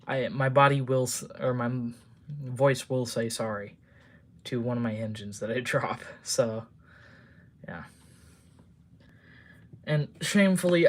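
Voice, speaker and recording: A man's voice: mid-range voice, a little hiss or hum. A man chatting casually on a live stream while building model trains at a home workbench, rambling with lots of fillers and casual swearing.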